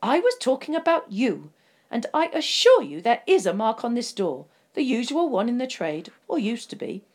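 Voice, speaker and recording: A blunt, proud dwarf, as a woman reading aloud puts him on. He talks loudly and insists on his point, a little higher than the reader. It is a storybook read-aloud. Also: big pitch swings, moderate pace. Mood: insistent.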